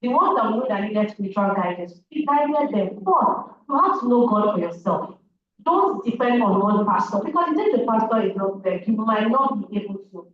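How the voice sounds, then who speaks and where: A woman with a Nigerian accent, a native Igbo speaker, gives an earnest, emphatic talk at a public event in a large hall, her medium-pitched voice sing-song and moderately paced. The hall is echoey, the mic sounds distant and muffled, and audience noise can be heard.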